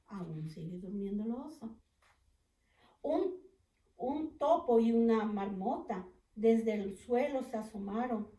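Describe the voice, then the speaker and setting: A woman, a preschool teacher, reading a storybook aloud to children slowly and gently, stopping to ask them questions. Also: fairly high pitch. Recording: echoey room, mic far off.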